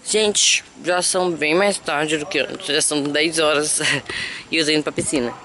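A man's voice: fairly high pitch, steady tone, normal speed, pushed and bright. A young man with a Brazilian Portuguese accent chatting dramatically in a casual vlog, sniffling from allergies as he films outdoors by a pool at night on a handheld camera. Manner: chatty and dramatic, exclaiming often. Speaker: vlogger. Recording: noisy outdoor camera audio.

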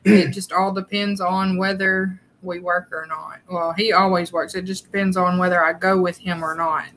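A woman's voice: on the low side, level tone, normal speed, a bit bright, low-quality recording. A woman from southwest Arkansas with a Southern accent, giggling as she reads viewer comments aloud in casual chat. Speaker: livestream co-host.

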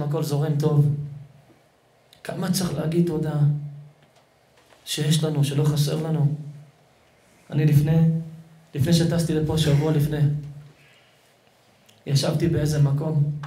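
A man's voice: fairly high pitch, warm tone. A man, a rabbi, giving a storytelling sermon with dramatic retellings. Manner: dramatic storyteller, acts out voices of characters. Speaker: rabbi giving an ethics lecture. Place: live broadcast venue abroad. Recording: roomy hall echo.

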